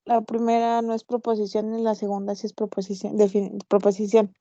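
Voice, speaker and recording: Female student, dark flat voice, short answers in class, dry muffled audio. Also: medium pitch, a little fast, no room sound. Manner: answers the teacher's questions briefly.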